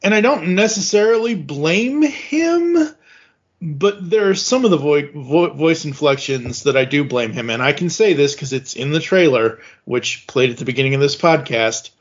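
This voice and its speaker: A man co-hosting a podcast, speaking in a deliberate, critical way and searching for words. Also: on the high side, expressive. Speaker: podcast co-host. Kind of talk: casual podcast chat. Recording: dull lo-fi podcast audio.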